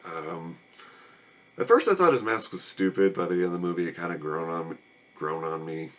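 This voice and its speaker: Man, low voice, sarcastic, tired, rambling movie review. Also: animated, moderate pace. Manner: sarcastic, weary and annoyed.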